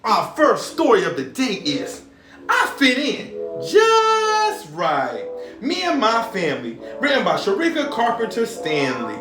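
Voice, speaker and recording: A man hosts a children's storytime, reading rhythmically over hip hop instrumentals in a hyped, sing-song, call-and-response style. His voice is very high with huge pitch swings, yet unhurried, and the recording has a roomy echo with the music.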